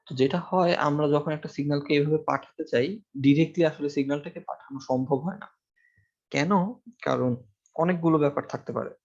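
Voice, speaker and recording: Speaking through an amplified microphone in a classroom, a male university lecturer walks students through material step by step, asking them questions and filling gaps with frequent fillers. His voice is on the high side, gravelly, and darkish, captured in lo-fi sound.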